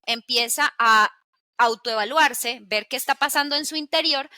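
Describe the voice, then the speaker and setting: A woman interviewing in a reflective conversational way, deliberately drawing out key words as she develops her point. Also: a little high, pushed and bright, dry recording.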